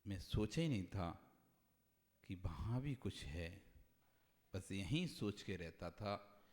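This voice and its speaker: A male monk giving a devotional sermon on meditation, dropping to hushed asides and then rising to loud, repeated exhortations. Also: lively intonation, slow. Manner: swings between hushed low asides and loud high exhortation, repeats phrases. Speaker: Jain monk preacher. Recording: reverberant hall sound.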